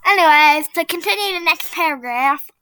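A high, bright-voiced woman hosts a casual podcast and reads a spooky story aloud. She is chatty and excitable and keeps breaking into giggles. Her voice sounds dry and close. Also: moderate pace, dry recording. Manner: giggly, often breaks into laughter. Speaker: podcast host.

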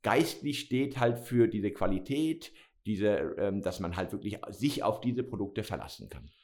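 A man's voice: on the low side, animated, measured pace, a little mellow. A middle-aged man from Spain, a company CEO, answering interview questions with many fillers and restarts. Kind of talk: interview conversation.

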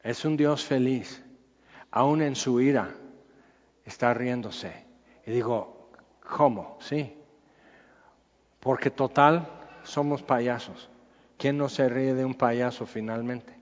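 A man preaching a sermon, animated, acting out the voices he quotes. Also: mid-range voice, slow pace, pauses often. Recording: dull sound in a reverberant hall.

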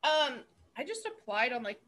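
A woman comedian rambles crudely with a giggle, stacking up fillers as she talks. Her voice sits on the high side and sounds bright and sharp. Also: sing-song, normal speed. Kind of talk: casual chat.

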